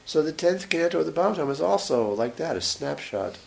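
Man, religious teacher, short of breath, gravelly fry, halting delivery, animated pitch swings, scripture lecture. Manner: halting, pausing mid-sentence. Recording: faint background hiss.

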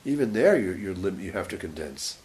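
A man giving a scripture lecture as a religious teacher, short of breath, halting and pausing mid-sentence. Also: deep voice, very animated, a little mellow. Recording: faint background hiss.

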